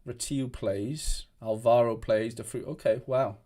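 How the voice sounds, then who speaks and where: A young Welsh streamer chats at his desk in a home room, rambling and often restarting as he answers comments. He speaks a little slowly, with a warm, steady, mid-range voice.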